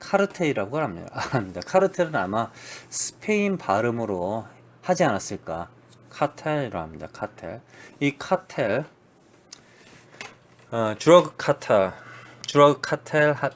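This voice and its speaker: A man from South Korea giving a casual spoken English lesson, slowly drawing out English words to demonstrate them, chatty and blunt. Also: medium pitch. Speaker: English teacher.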